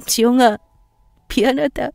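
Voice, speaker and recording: A woman's voice: a little slow, vocal fry, a little mellow, no echo, soft background music. A woman voicing a treacherous female friend who begs and pleads in a raised voice, in a story-radio reading. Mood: apologetic. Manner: high pleading, begging.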